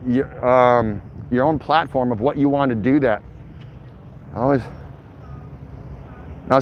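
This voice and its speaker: Strolling outdoors along a city bayside, a vlog host chats to his livestream viewers with easygoing, jokey, meandering commentary. His voice sits a little high, and the muffled phone recording picks up plenty of passing cars and city noise.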